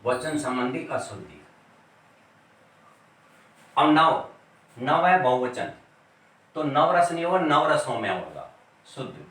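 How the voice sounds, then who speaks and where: A male teacher gives a classroom grammar lesson, speaking slowly and deliberately and repeating words as he writes on the board. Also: mid-range voice, lively intonation, a bit bright, roomy sound, recorded from a distance, low-quality recording.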